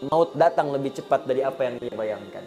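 A middle-aged man preaching a sermon, telling stories with acted dialogue and recited verses, swinging between loud emphasis and soft asides. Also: medium pitch, expressive, fairly quick, soft background music. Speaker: Islamic preacher.

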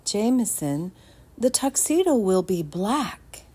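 A woman voicing a patient, gently firm mother in a read-aloud picture book, calm and measured. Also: mid-range voice, breathy edge, voice pushed up, full character voice. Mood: gentle firm. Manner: calm, measured, kindly insistent.

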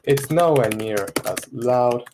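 Speaking slowly at a medium pitch against a noisy background, a young adult British tech tester gives a casual product demo with dry joking asides. He's seated at a computer desk in a small carpeted bedroom. Recording comes from a desktop microphone, laptop mic, or phone, varying.

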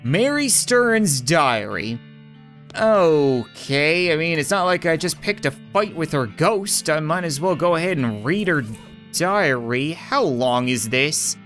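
A man hosts a game playthrough in a lively, theatrical voice. His pitch moves around a lot as he reads aloud and adds wry asides. Guitar music plays underneath, and he is close to the mic. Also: measured pace. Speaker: gaming video host. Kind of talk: game playthrough commentary, reading text aloud.

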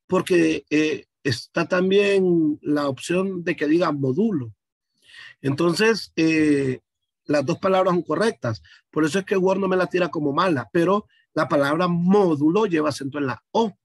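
A man's voice: a little high, normal speed, dry recording. A man from Honduras teaching an online class over a video call, explaining patiently and speaking directly to his students.

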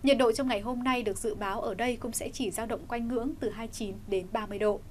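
A woman reading a scripted weather forecast in a steady, formal newsreader manner. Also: on the high side, fast talker, a little hiss or hum.

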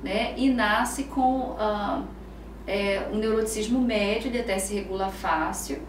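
A woman with a Brazilian Portuguese accent, a psychologist who is a guest on a podcast and tells stories lively, acting out her children's voices. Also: mid-range voice, a little slow, recorded from a distance, slight background noise. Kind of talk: podcast interview, explaining. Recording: roomy, off-mic, faint ambience.

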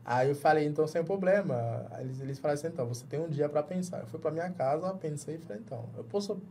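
Quick-paced and mellow, this man's fairly high voice carries a little hiss or hum in the background. He's a Jamaican journalist in his thirties with a Jamaican accent, a guest in a small padded studio for casual interview talk, who often restarts words while looking for them in Portuguese.

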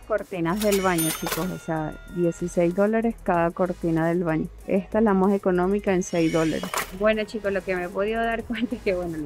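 Chatty Venezuelan woman touring a store. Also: on the low side. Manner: chatty, reading out prices while browsing. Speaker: vlogger. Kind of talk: casual vlog tour. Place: large hardware store in a mall, indoors.

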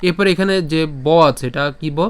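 A man teaches how to pronounce Sanskrit verses, breaking words apart sound by sound with patience and chanting the lines slowly. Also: a little high, clean tone. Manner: patient, explains sound by sound and checks in with "okay?". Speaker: Gita recitation teacher.

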